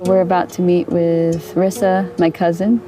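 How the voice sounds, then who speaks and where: Young woman, soft-spoken and reflective, lowish pitch, music bed underneath. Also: little pitch movement, measured pace. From United States. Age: young adult. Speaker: interviewee. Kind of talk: documentary interview.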